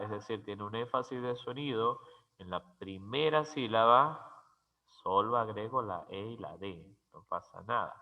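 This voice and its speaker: A man teaching English grammar as a slow, careful lesson, spelling out letters and repeating each example word. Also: medium pitch. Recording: dull, lo-fi sound with long reverb.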